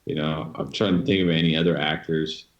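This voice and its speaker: A man's voice: rumbling low, level tone, fairly quick, muffled recording. A man co-hosting a casual live-stream chat, blunt and swearing freely. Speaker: co-host.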